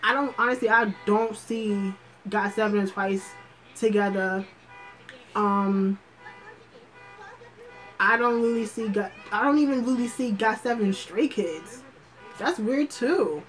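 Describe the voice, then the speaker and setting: A woman's voice: mid-range voice, slow pace, long pauses, a bit bright, soft background music, rough recording. Rambling, slangy woman chatting on a livestream. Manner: thinks aloud with many fillers and restarts. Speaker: livestream host. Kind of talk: casual livestream chat.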